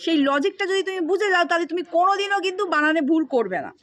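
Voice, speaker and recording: A woman's voice: very high voice, expressive, very fast, fairly bright tone. A woman teaching an English spelling lesson in Bengali, explaining patiently step by step and often checking that her students follow.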